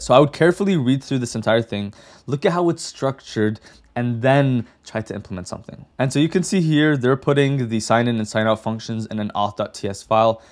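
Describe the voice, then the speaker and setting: A young man hosting a casual coding tutorial, chatty and direct, often saying "like" and "okay". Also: mid-range voice. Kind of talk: casual screen-share tutorial.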